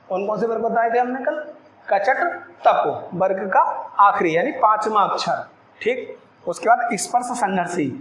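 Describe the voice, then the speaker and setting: A man teaching a Hindi lesson, slowly drilling syllables aloud and repeating each point for his students. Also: high voice, a bit bright, roomy sound, slight background noise, rough recording. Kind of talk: classroom lecture.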